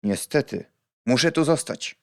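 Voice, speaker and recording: A man playing a stiff, old-fashioned gentleman. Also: medium pitch, lively intonation, measured pace, pitched above the performer's own voice. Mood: guarded. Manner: hesitant, stiff. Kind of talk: audiobook reading.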